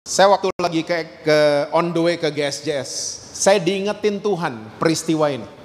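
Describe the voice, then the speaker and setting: A middle-aged man preaching a sermon as a pastor, telling stories with animated acted-out quotes and mixing in English words. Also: a little high, moderate pace, big-room sound, a little hiss or hum. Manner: animated storytelling, acting out quotes.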